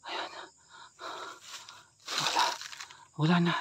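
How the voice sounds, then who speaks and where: Outdoors at night in rural brush, with crickets chirping in a noisy background, a Filipino-accented man hosts a ghost-hunting vlog. He speaks very slowly, startled and shaky, addressing his viewers directly.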